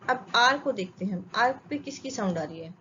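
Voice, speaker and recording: A woman's voice: mid-range voice, animated, normal speed, pushed and bright, a little hiss or hum. A woman teaching an English grammar lesson with an Indian accent. She asks questions, answers them herself, and checks that her students follow. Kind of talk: classroom lesson explaining grammar. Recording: dull lo-fi sound with faint ambience.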